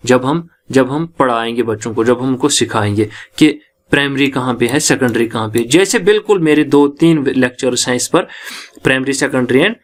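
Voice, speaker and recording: A man with a Kashmiri accent teaching an English lecture in Hindi, reading English passages slowly and then explaining them. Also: mid-range voice.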